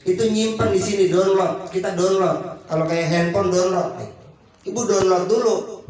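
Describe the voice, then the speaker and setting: Man, Betawi accent, joking preacher, acts out voices, high voice, far from the mic in a very echoey hall. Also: fairly even intonation, a little slow, darkish tone. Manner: jokey, acts out quoted voices. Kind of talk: humorous sermon. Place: monthly religious gathering hall.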